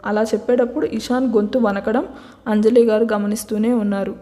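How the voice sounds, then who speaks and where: A woman storyteller reading a serialized romance at a steady, plain pace. Her voice sits fairly high and sounds mellow. A long reverb from the room follows her words. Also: brisk.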